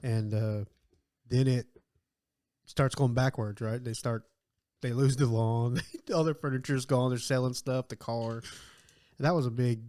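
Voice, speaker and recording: A man's voice: mid-range voice, steady tone, a little slow, pauses often, warm tone, no room sound, studio quality. A man co-hosting a casual movie-review podcast, easygoing and full of fillers like "uh" and "you know.". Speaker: podcast co-host.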